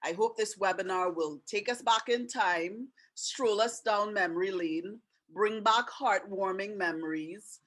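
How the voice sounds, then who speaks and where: A woman's voice: mid-range voice, a little slow, a bit bright. A woman from Trinidad and Canada with a Trinidadian accent tinged with Canadian, hosting an online webinar in a chatty, friendly way with many asides, on a computer mic. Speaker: webinar host and teacher. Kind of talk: casual online webinar presentation.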